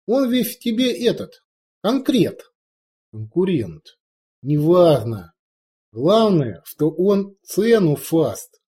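A man's voice: a little high, big pitch swings, slow, dark tone, pitched above the performer's own voice. A man voicing a pompous male orc chieftain with a heavy lisp, blustering and raising his voice. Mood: smug. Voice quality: lisp, swaps sounds for "f".

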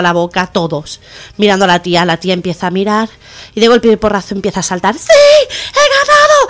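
A woman hosting a radio comedy show, telling jokes in a lively way and acting out the characters with quick pitch jumps.

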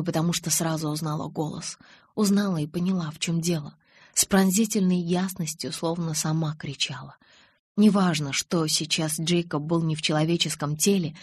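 Husky low woman narrating an audiobook. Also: a little mellow, no room sound. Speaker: audiobook reader.

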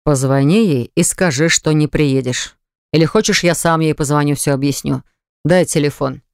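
A man reading an audiobook, voicing a stubborn young man who slowly and insistently presses his point. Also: clean tone, dry recording, lightly acted. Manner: low, slow, persuasive and pressing. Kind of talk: audiobook character voice. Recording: dry close studio recording.

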